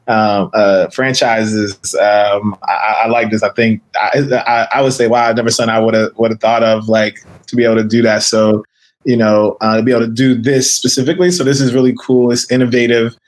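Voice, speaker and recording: A man giving casual feedback as a judge, halting and repeating his words as he thinks aloud. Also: lowish voice, little pitch movement.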